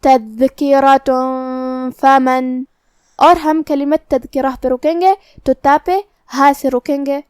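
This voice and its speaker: A woman teaching Quran recitation, calmly explaining pronunciation rules and then reciting verses slowly with long held sounds. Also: high-pitched, dry recording, studio quality. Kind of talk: tajweed lesson with slow recitation.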